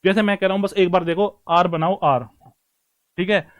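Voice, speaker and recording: A man's voice: sits high, steady tone, moderate pace. A man teaching stenography in an online class, talking to his students as brothers and friends while he writes strokes and explains them.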